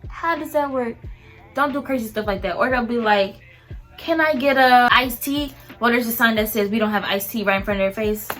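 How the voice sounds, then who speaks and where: A young woman in a casual storytime rant about fast food work, animated and mimicking customers. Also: on the high side, soft background music. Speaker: vlogger and fast food worker.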